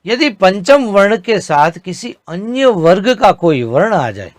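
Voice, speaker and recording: A man's voice: high voice, very animated, no echo, studio quality. A man teaching a Hindi grammar lesson, drawing out each example word with careful enunciation. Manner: drawn-out enunciation of example words. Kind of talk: slow, deliberate grammar lesson with spoken examples.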